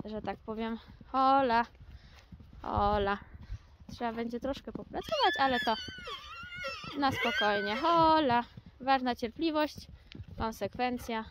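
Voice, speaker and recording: A woman vlogging as she lunges a young horse in an outdoor ring, talking calmly to the camera and calling commands to the horse. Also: fairly high pitch, slight background noise. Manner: coaxing, calls horse commands loudly. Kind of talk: casual talk while lunging a horse.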